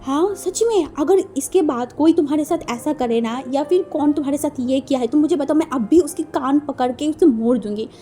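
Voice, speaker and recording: A woman doing a loud, gushing mother-in-law. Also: high voice, a little fast, few pauses, soft background music, voice pushed up, close to an everyday voice. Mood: doting. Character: warm fussing middle-aged mother, doting mother-in-law.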